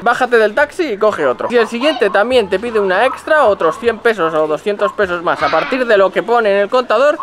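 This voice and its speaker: High-voiced Spanish man vlogging outdoors. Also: noisy background. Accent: Spain Spanish. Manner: blunt, joking, swears casually. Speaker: travel vlogger. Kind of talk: casual travel tips to camera. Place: narrow outdoor city alleys. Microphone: handheld camera at arm's length.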